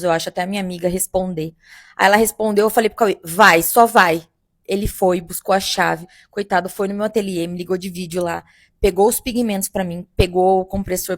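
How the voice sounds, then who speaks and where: A young woman recounts a job gone wrong in lively, chatty storytelling and keeps turning to her audience. Her voice has a gravelly edge, and the sound is close and dry with no room around it. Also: medium pitch, no echo. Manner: animated, addresses listeners as "gente". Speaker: bridal makeup artist. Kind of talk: casual first-person storytelling.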